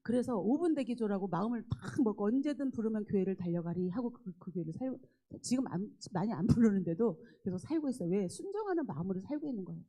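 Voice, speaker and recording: A middle-aged woman, a gospel singer, giving a church testimony with animated storytelling, acting out her own dialogue with exclamations. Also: medium pitch, quick pace, low-quality recording. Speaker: guest speaker, gospel singer. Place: church sanctuary.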